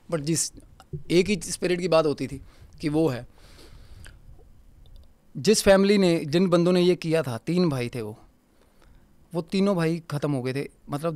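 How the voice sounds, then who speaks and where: A man's voice: medium pitch, darkish tone. A man guest on a podcast, telling a ghost encounter vividly, repeating phrases for emphasis and mixing in English words. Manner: mixes English words into his speech. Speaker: guest paranormal researcher.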